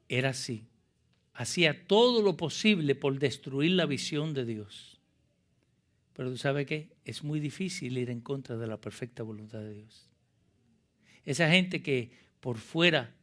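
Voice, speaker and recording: A male pastor preaching a sermon with passion, asking the congregation rhetorical questions and reading scripture aloud. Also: medium pitch.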